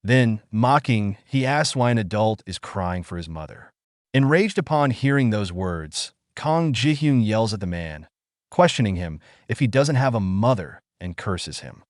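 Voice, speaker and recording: A man narrating a scripted story recap in a dramatic, expressive way. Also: fairly low pitch, no room sound, clean studio sound.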